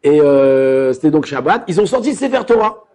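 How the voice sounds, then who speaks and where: A man's voice: fairly high pitch, normal speed. A man, a rabbi, giving a colloquial Torah lesson, telling stories and acting out the scenes in them. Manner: animated, colloquial, acts out scenes.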